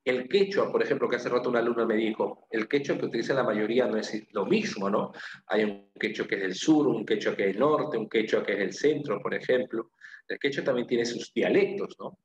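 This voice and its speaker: A man's voice: mid-range voice, fairly quick, reverberant, lo-fi sound. A man from Peru with a Peruvian Spanish accent teaching a language class, explaining step by step and repeating key phrases, often checking in with "¿no?" and "¿ok?". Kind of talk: classroom lecture.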